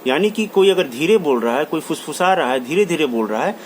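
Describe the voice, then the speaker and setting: A college lecturer with a slightly high voice and lively intonation talks a little fast in class, mixing English terms into his Hindi. He repeats key terms and restates each point, with faint background noise behind him.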